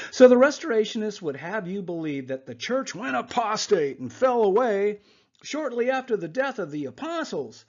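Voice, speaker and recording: A man giving a conversational Bible lesson over slides, often checking in with "okay?" asides. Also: fairly high pitch. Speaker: Bible teacher. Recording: muffled lo-fi voice recording.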